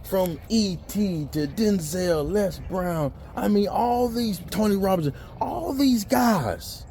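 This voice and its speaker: A man's voice: high-pitched, expressive, slow pace, dark tone, a little hiss or hum. A man in a blunt, preachy motivational rant, cursing and mimicking people who make excuses. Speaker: motivational vlogger.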